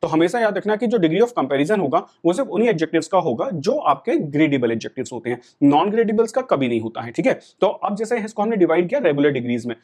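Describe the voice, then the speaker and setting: Indian man, middle-aged teacher, lively rising-and-falling voice, slightly high, patient lecture style. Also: fast, few pauses. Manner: explains patiently, checks in with students often. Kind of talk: classroom lecture.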